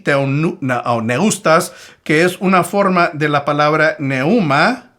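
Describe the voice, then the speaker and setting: A man's voice: on the high side, fairly bright tone. A man giving a Bible teaching video, explaining a Greek word step by step and repeating his main points with emphasis.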